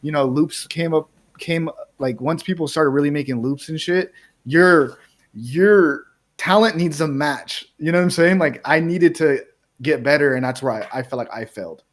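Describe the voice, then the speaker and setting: A laid-back American podcast host and music producer leads a casual chat at normal speed. His voice is a little high for a man, and his talk rambles and circles back, with "bro" and "like" turning up in almost every sentence.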